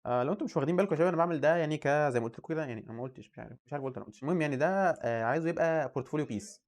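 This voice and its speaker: A man's voice: fairly high pitch, racing, darkish tone. A young man in his twenties with an Egyptian Arabic accent, the host of a coding channel, chatting casually and thinking aloud as he browses and comments on what he sees. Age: 20s. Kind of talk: casual screen-share commentary.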